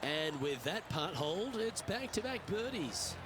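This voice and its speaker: A man's voice: high voice, very animated, measured pace, background noise. A man playing a composed, upbeat TV-style lead golf commentator for a video game. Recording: crowd and music behind.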